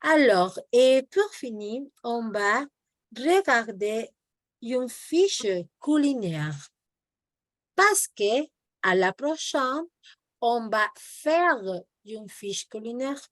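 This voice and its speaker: Woman, language teacher on a video call; slow, patient, slightly high voice, dry close sound. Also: big pitch swings, no room sound. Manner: patient, slow, models words for the student to repeat. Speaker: French teacher. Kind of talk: online language lesson, explaining in Spanish and French.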